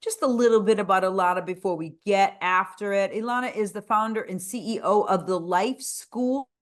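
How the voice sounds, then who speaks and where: A woman's voice: mid-range voice, moderate pace. A woman hosting an interview podcast, talking in an upbeat, gushing way. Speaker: podcast host.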